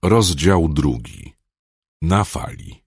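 A man's voice: low-pitched, expressive, extremely slow, a little mellow, slightly rough, dry recording, clean studio sound. A man reading an audiobook aloud in a dramatic style, swelling on tense moments. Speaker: audiobook narrator. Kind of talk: scripted audiobook narration.

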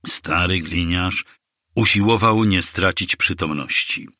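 A man narrating a crime novel aloud with measured, steady reading. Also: deep voice, no room sound, studio quality. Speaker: audiobook narrator.

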